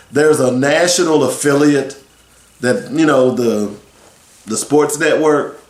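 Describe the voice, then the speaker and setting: A man's voice: mid-range voice, echoey room. A man in his sixties talking earnestly as a sports radio host, rambling and conversational. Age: 60s. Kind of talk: solo talk radio commentary.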